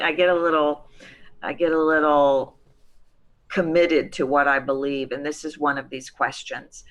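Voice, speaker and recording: Low-pitched texan-born lady coach, talks big and animated, really sells it. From Texas. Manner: animated, emphatic storyteller. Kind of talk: expert guest in an interview.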